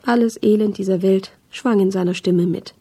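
A woman's voice: medium pitch, steady tone, normal speed, warm tone, breathy edge. A woman reading a first-person novel aloud for radio, in earnest, flowing narration.

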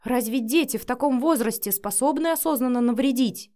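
A woman's voice: a little high, fairly quick, lightly acted. A woman reading an irritable, commanding father. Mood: stern. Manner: curt, commanding, flares into shouting. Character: irritable wealthy father, adult man, short-tempered. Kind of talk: audiobook character voice.

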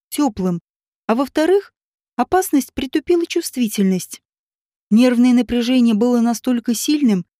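A woman narrating an audiobook in a steady, even reading voice. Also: high-pitched, no echo, clean studio sound. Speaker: audiobook reader. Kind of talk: scripted narration.

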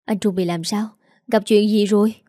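A woman's voice: mid-range voice, steady tone, moderate pace, warm tone, no echo, clean studio sound, lightly acted. A woman voicing a frantic, grieving young woman who pleads through tears. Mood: distraught. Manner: pleading, tearful, breathless.

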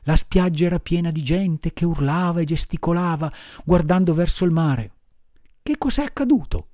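A man reading a classic children's story aloud in a measured, expressive narration. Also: fairly high pitch, dry recording, studio quality. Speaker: audiobook reader.

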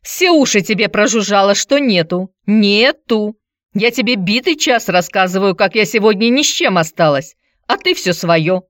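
A woman's voice: lively intonation, normal speed, no echo, studio quality, lightly acted. A woman voicing a quarrelsome, hard-drinking woman who answers in a snappish, sarcastic way. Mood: indignant. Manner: snappish, sarcastic, shrill when riled.

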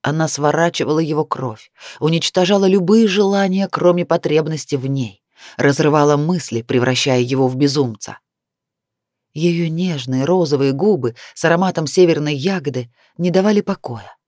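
Brief: even-paced audiobook reader, mid-pitched, close and dry. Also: moderate pace, dry recording. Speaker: audiobook narrator. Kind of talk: scripted audiobook narration.

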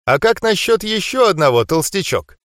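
A man's voice: high-pitched, very animated, moderate pace, a bit bright, no room sound, clean studio sound, voice pushed up. A man voicing a cruel, mocking male mentalist villain in an audiobook, taunting his captive. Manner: taunting, jeering.

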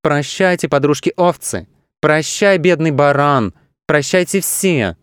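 A man voicing a gentle, adoring young female sheep in a children's story. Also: a little high, lively intonation, slow pace, clean tone, dry recording, clean studio sound, pitched above the performer's own voice. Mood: wistful.

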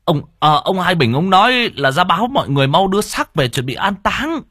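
A man voicing a frantic village messenger who shouts and stammers urgently. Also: high voice, very animated, brisk, breathy edge, dry recording, clean studio sound, pitched above the performer's own voice, full character voice. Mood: panicked.

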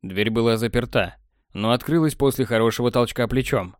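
A man narrating an audiobook in an even, measured storytelling voice. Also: medium pitch, no echo. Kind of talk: scripted narration. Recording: dry close studio sound.

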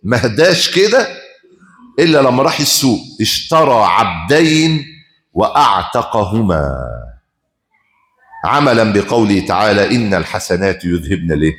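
A man's voice: on the low side, expressive, normal speed, long pauses, a bit bright. A man preaching a Friday sermon with an Egyptian accent, telling stories with passion and firing rhetorical questions at his listeners. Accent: Egyptian Arabic. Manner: impassioned storytelling, rhetorical questions. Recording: roomy echo.

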